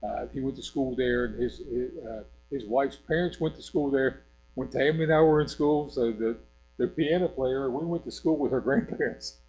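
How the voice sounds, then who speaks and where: An older man gives a loose, conversational sermon in a church. His voice is mellow and relaxed. He wanders between stories and keeps checking that his listeners follow, with a faint electrical hum behind him. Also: medium pitch, moderate pace, low-quality recording. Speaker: preacher. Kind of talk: informal sermon.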